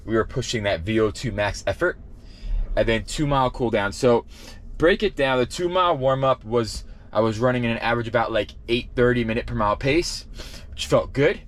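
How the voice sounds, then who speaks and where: A man giving an informal vlog recap, often correcting himself as he explains. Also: mid-range voice. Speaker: running vlogger and shoe reviewer. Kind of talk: casual workout recap to camera.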